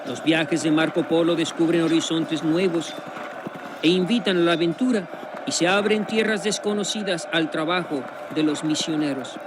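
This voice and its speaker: High-voiced man narrating a documentary. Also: steady tone, background noise. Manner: solemn, measured, with dramatic pauses. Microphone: studio voice-over. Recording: voice-over over guitar music. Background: guitar music.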